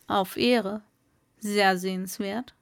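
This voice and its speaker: A woman voicing a polite, wary young fisherman in a storybook, speaking softly and deferentially. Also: fairly even intonation, slow pace, vocal fry. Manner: soft, lowered, deferential.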